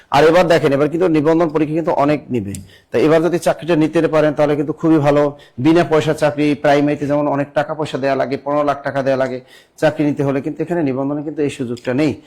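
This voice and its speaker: A young adult man teaching a live online exam-prep class, spelling words out slowly, quizzing viewers and reading their comments aloud. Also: fairly high pitch, fairly even intonation, darkish tone.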